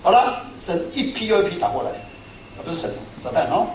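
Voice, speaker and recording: Animated man preaching in an echoey hall. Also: high-pitched, fairly quick, a little hiss or hum. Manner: storytelling, self-mocking, animated. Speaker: pastor. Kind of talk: sermon. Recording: echoey hall, speaker far from mic.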